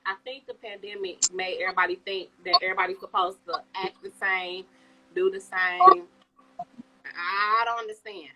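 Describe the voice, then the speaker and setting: A woman from Chicago co-hosting a podcast in casual chat, animated and slangy, laughing often. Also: medium pitch, moderate pace, vocal fry, noisy background. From Chicago, USA. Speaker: podcast co-host.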